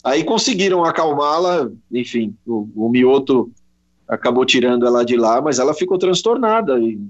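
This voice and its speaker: A man's voice: mid-range voice, normal speed. Brazilian man telling a story, lo-fi. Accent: Brazilian Portuguese. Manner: animated anecdote with quoted voices, many restarts. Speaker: guest, sports journalist. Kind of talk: casual storytelling interview. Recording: slightly dull lo-fi audio.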